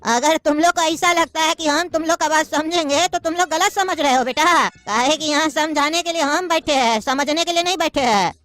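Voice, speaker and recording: A woman's voice: sits high, moderate pace, few pauses, a bit bright. A woman voicing a pompous old male judge near retirement in a cartoon comedy, speaking in a bossy, mocking, lecturing way.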